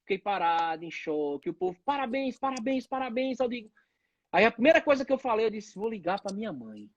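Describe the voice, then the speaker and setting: A man's voice: high-pitched, very animated, fast, no room sound, lo-fi sound. A man, telling his own story as an interview guest, acting out the voices of the people in it. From Northeast Brazil. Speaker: pediatrician guest.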